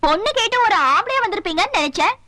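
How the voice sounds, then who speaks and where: A defiant, high-voiced young daughter. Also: female voice, lively intonation, very fast, bright, forceful tone, no echo, full character voice. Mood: scornful. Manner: defiant, cutting. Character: bold outspoken young village daughter. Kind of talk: film drama acting.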